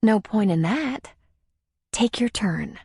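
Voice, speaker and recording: A woman narrator voicing an independent single mother, gentle and teasing. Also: medium pitch, animated, slow pace, creaky, slightly rough, no room sound, studio quality, pitched above the performer's own voice, full character voice. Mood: tender, teasing.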